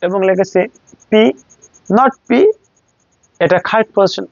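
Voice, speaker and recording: Man, Bangladeshi accent, teacher, slow letter drills, dull dry recording. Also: high-pitched, vocal fry, no echo. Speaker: English pronunciation teacher. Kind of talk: classroom lesson.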